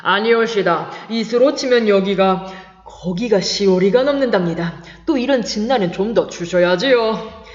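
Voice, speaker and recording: A woman voicing a drunk, boastful male rickshaw puller who shouts coarsely, in a dull, echoey recording. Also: mid-range voice, moderate pace, natural voice. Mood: wheedling. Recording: dull-toned echoey recording with long reverb.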